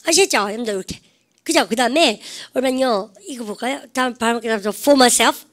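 A woman teaching an English grammar lecture, quizzing her class with lively rhetorical questions. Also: a little high, fast talker.

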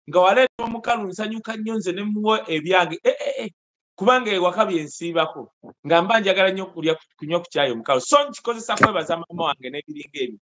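A Ugandan man in his forties giving emphatic, animated political commentary over a video call from an indoor room. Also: high voice. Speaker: host. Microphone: video call webcam.

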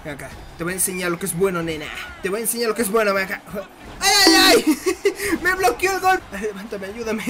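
A man giving casual gameplay commentary, excitable, laughing often and shrieking when hit. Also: sits high, fast talker, very noisy. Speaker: gaming commentator.

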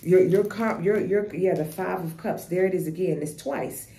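Woman tarot reader, blunt and profane, lowish mellow voice, echoey room. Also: normal speed, creaky. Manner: blunt, profane, repeats herself and restarts. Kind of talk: casual tarot reading monologue. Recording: echoey room with faint noise.

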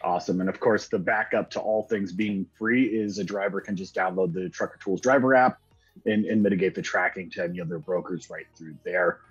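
A man's voice: deep voice, fairly even intonation, fairly quick, husky, highs cut off, faint music behind. A man in his thirties hosting a company video interview over a video call, upbeat and conversational. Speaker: host.

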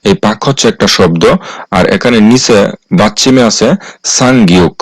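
A man teaching a language lesson, explaining each rule slowly and restating it step by step. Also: fairly low pitch, no echo, low-quality recording.

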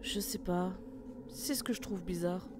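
A woman's voice: lowish voice, measured pace, noisy background, natural voice. A woman voicing a tough female squad leader in an amateur horror audio drama, giving curt, commanding orders. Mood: steady. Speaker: team leader.

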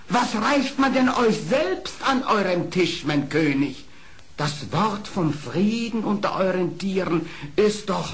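In a radio play, a male actor with a high-sitting voice portrays a sly, proud, eloquent fox, delivering his lines in a theatrical, deliberate manner.

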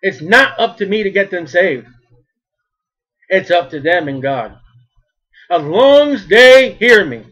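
A street preacher delivers a sermon in a big, loud, emphatic voice that keeps swelling in volume. His pitch is extremely high, and the audio quality is poor.

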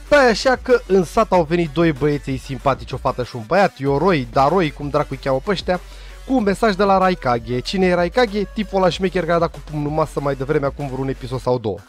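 A young man casually and jokingly recapping an anime episode, full of slang and quick asides. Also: fairly high pitch, lively intonation, soft background music. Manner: slangy, joking, puts on quick voices for characters. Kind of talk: casual comedic recap narration.

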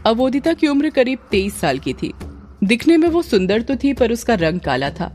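A woman's voice: a little high, big pitch swings, moderate pace, a little mellow. Woman narrating a story over faint music.

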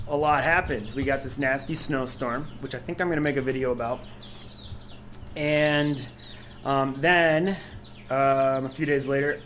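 A homestead vlogger in his thirties walks viewers through a how-to project in his basement workshop, speaking with a medium pitch and a fairly bright tone. His manner is easygoing and meandering, full of ums. Recorded on an action camera on his body, the basement is noisy with clucking chickens and cheeping chicks.

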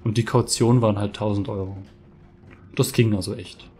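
His pitch sits fairly low, with a steady tone, moderate pace and a mellow, slightly rough quality. A gaming streamer in his twenties from northeastern Germany's Mecklenburg-Vorpommern, he gives casual let's play commentary into a headset from his home room with a webcam, chatting, ranting and cursing without restraint.

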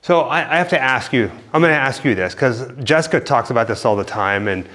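Curious, chatty vlog host, medium-pitched man, asking questions while exploring. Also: expressive, fairly quick, a bit bright. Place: large underground cave.

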